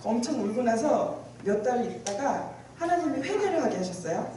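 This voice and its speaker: A woman gives an emotional personal testimony at a church retreat, acting out her own past words as she tells the story. Her voice is mellow and warm. It echoes heavily around a large church hall and sounds as if she stands well back from the microphone. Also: on the high side, very animated, normal speed, recorded from a distance, a little hiss or hum. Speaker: speaker giving a testimony.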